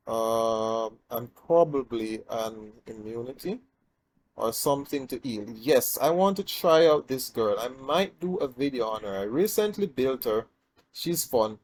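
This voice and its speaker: Male host, unhurried delivery, casual play-by-play gaming commentary, chatty and thinks aloud. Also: medium pitch, a little hiss or hum. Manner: chatty, thinks aloud, gets excited at big plays. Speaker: game guide host.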